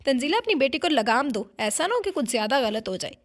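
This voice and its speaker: Woman narrator doing a spiteful screaming auntie, high and loud. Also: expressive, fairly quick, gravelly. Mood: furious. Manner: shouting, scornful. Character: furious spiteful middle-aged aunt.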